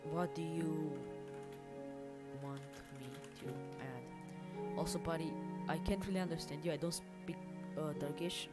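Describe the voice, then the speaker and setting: Background music and keyboard typing sit behind a woman's deep, steady voice as she talks at a measured pace. She's a livestreamer and hobby game developer, casually chatting while she works and thinking aloud with informal self-deprecation.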